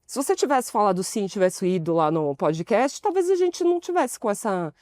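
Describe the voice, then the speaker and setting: A woman in her forties from Brazil tells stories from her working life as an interview guest. She voices the people in her stories as she goes, with a lively, personal delivery. The sound is dry and close. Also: mid-range voice, a little fast, no room sound. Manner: expressive storyteller, acts out quoted dialogue. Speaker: podcast guest, consultant. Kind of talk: storytelling interview conversation.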